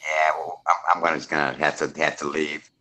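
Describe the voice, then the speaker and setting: A man's voice: a bass voice, flat delivery, fairly quick, bright, forceful tone. A man playing a one-on-one tabletop game, giving short, plain replies to the game master. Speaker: player.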